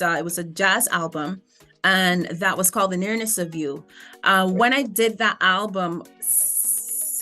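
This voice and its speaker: Woman, guest vocal coach, bright and earnest, reflective with restarts, faint music underneath. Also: medium pitch. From Barbados. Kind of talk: interview conversation.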